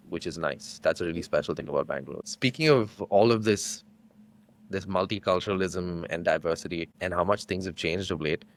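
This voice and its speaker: A man hosting a podcast interview, responding thoughtfully and asking questions in conversation. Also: low-pitched. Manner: affirming, reflective asides. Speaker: podcast host.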